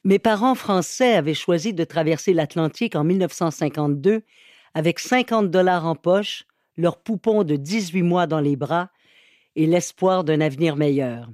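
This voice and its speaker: A man reading an audiobook excerpt in a measured, even narration. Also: a little high, no echo, studio quality. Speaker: audiobook reader. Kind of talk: scripted narration.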